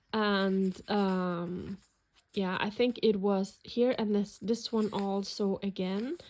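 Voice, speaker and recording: A journaling vlogger whose first language is German flips through a journal while narrating casually. She speaks in a mid-range voice, rambling and hesitant, with many fillers.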